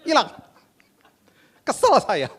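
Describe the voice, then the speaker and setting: A middle-aged pastor from Indonesia preaching, telling stories with lively acted-out voices. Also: male voice, extremely high pitch, slow pace, husky. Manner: animated storytelling with acted voices. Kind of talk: sermon. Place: church stage.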